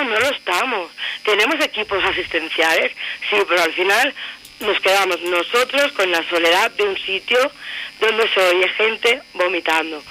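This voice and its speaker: Intense woman in her thirties, bright voice. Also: medium pitch, rough recording. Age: 30s. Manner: intense, searching, full of rhetorical questions. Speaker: radio show participant. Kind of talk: personal radio talk.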